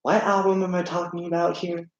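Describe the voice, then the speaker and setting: A man's voice: sits high, level tone, brisk, highs cut off. A man reacting to his own old videos with blunt, sarcastic remarks in casual commentary. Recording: very echoey room.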